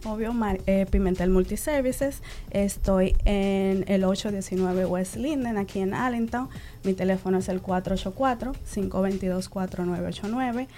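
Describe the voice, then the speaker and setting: Mellow-voiced woman business owner. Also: mid-range voice. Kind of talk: panel talk.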